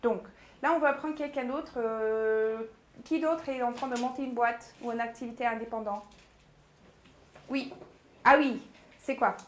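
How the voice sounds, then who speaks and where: A woman coaching a public speaking workshop, lively and chatty, demonstrating pace and pauses. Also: a little high. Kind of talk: workshop teaching. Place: agency workshop room. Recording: echoey room.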